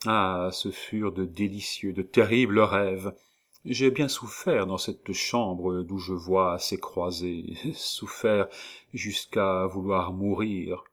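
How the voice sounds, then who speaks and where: A man's voice: sits low, a bit bright. A man voicing a despairing young man writing a farewell letter, sorrowful and tender.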